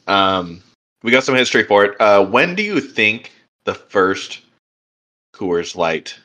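A man's voice: fairly low pitch, big pitch swings, slow pace, sharp tone. A young man co-hosting a beer podcast, chatting casually with lots of fillers and easy laughter. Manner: rambling, filler-heavy, laughs easily. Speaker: podcast co-host. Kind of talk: casual chat.

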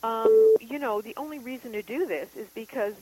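A woman's voice: fairly high pitch, a little fast, rough recording. A woman guest on a radio show speaking earnestly in a casual interview.

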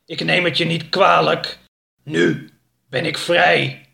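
A man voicing a huge growling house that has turned into a tiger, speaking slowly and proudly. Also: on the high side, fairly even intonation, vocal fry, bright, forceful tone, reverberant, exaggerated voice. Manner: slow, growling.

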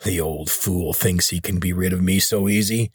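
A man voicing a maimed, weary mutant leader who talks in a hoarse rasp. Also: sits low, moderate pace, no room sound, studio quality. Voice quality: hoarse, rasping.

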